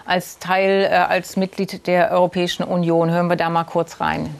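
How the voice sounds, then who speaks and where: A woman hosting a political talk show, asking questions briskly and steering the discussion. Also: fairly low pitch, monotone, creaky.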